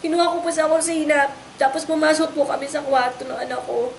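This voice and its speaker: A young woman giving an emotional, distressed testimony, polite and halting, often repeating herself. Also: high-pitched, steady tone, creaky, slight background noise. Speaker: wife recounting a raid on her home.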